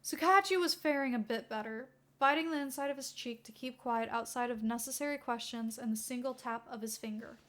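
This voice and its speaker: A woman reading her own fan fiction aloud as a podfic, in a steady, quiet storytelling delivery. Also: on the high side, a little fast, hardly any pauses, a little hiss or hum. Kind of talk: podfic narration.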